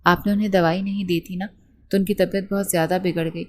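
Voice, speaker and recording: Brief: timid maid, halting nervous speech, woman reading. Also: on the low side, flat delivery, no echo, natural voice. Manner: hesitant, nervous. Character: timid worried housemaid.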